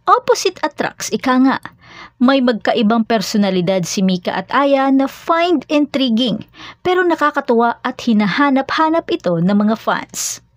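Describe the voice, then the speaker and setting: A woman reading scripted narration for a fan channel in a steady, explanatory way. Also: high-pitched, moderate pace, no echo, clean studio sound.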